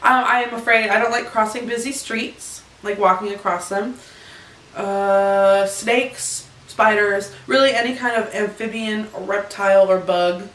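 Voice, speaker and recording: Young woman vlogger, giggly and rambling, mid-pitched, recorded roomy and off-mic. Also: steady tone, measured pace, a bit bright. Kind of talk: casual chat. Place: bedroom. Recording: echoey room, camera far off.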